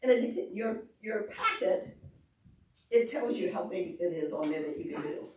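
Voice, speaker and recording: A woman at a children's library program leads an interactive talk for preschoolers and parents, explaining simply and asking questions with lively demonstration. She speaks at a moderate pace in a medium pitch. The recording, from a distant camera in an echoey large room, has a little hiss or hum.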